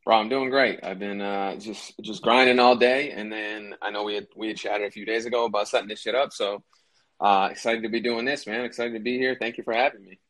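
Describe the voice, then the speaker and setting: A young rapper from New Hampshire, USA, guests on a casual podcast interview, sounding laid-back and leaning on fillers like "like" and "you know what I mean." His voice is lowish, steady, fairly bright, and a little fast, though the audio is poor.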